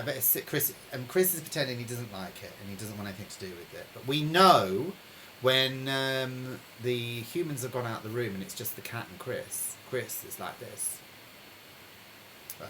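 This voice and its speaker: A man hosting a live-streamed pub quiz from home, chatting with viewers and reading each question slowly, then repeating it. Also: mid-range voice, a bit bright, slight background noise, poor audio. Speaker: quiz host. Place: home during lockdown.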